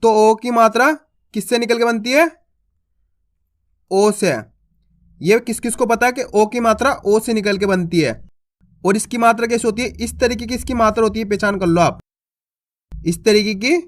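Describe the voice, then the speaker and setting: High-voiced man teaching Hindi syllables. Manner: slow, drawn-out syllables, asks and answers his own questions. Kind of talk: teaching children to read.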